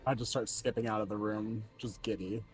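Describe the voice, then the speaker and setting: A man's voice: fairly low pitch, fairly even intonation, a little fast, faint music behind, poor audio. A young man playing a tabletop game, eager and playful as he describes his moves. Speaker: player.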